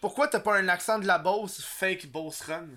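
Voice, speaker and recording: A man from Laval with a Quebec French accent, hosting a casual podcast chat in a relaxed, slangy way. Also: sits high, moderate pace. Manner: relaxed, slangy, trailing off softly. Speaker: podcast host.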